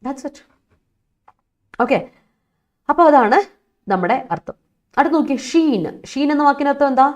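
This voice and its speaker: A Kerala woman who teaches English runs a live online vocabulary class, mixing English words into her explanations, reading student chat aloud, and laughing often as she answers. Her voice is high with lively intonation at a normal speed, and she pauses often. The highs are cut off.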